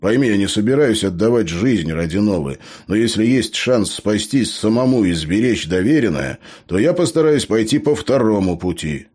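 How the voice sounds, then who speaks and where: A worn-out but decent man turning down one scheme after another, as a male narrator voices him. He speaks a little higher than the reader's own voice, and it moves around a good deal with a tired, sighing edge. It reads as a grounded storybook hero. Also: lively intonation, normal speed, few pauses, a little mellow, slightly rough. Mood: reluctant. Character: weary honest man, the hero.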